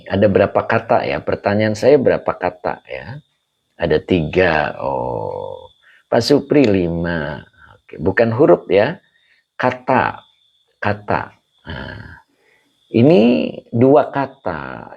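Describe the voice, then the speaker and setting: A deep, gravelly male teacher leads a live-streamed religious lesson, reading viewer comments aloud and quizzing them. He explains Arabic grammar slowly and patiently. The audio is dull and lo-fi. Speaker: Islamic teacher.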